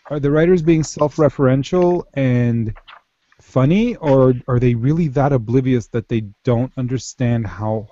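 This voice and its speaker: A man co-hosting a casual fan discussion podcast, talking in halting, animated bursts with restarts. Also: medium pitch, no room sound. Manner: animated, halting restarts, quotes lines in a raised voice. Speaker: podcast co-host. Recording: dull lo-fi podcast audio.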